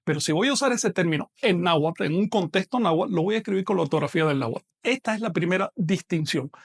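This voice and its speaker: A man giving an online language lecture, explaining patiently and slowing down to model pronunciation. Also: sits high, animated. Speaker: language teacher.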